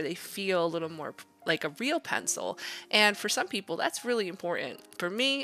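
In a low-leaning, sharp voice, a woman teaching art casually walks through a drawing shown on screen. She muses aloud as she works, informal and supportive.

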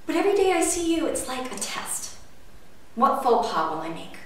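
A woman in her twenties acting a dramatic monologue as an anxious, hurt young woman, halting and earnest, with pauses. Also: high voice, big pitch swings. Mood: anxious, flustered. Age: 20s. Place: indoor room with blue backdrop. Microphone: distant camera microphone. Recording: very echoey room, distant mic, faint noise.

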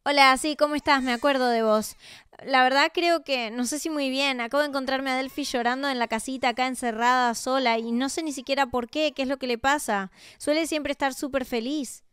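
A woman's voice: high voice, steady tone, brisk, a bit bright, clear, resonant tone, no echo. A woman with an Argentine accent narrating a game role-play and speaking in a tender, soothing, motherly way. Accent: Argentine Spanish.

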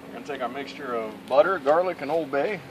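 A Southern cooking vlogger talks fast at a medium pitch, grilling outdoors in an easygoing, self-amused way before going indoors at home. Crickets, insects and other background noise fill the recording.

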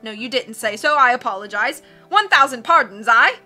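A woman voicing a blustering, excitable male submarine captain from a storybook, roaring and constantly changing his mind. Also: on the high side, faint music behind. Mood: indignant. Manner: roaring, self-contradicting, rapid changes of mind.

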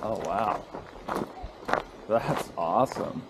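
A man's voice: fairly low pitch, very slow. A man chatting casually as he vlogs while sightseeing. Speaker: vlogger. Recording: noisy handheld outdoor vlog.

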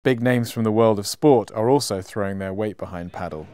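A man giving measured, scripted news narration as a voice-over. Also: fairly low pitch, dark tone, smooth. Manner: measured, informative.

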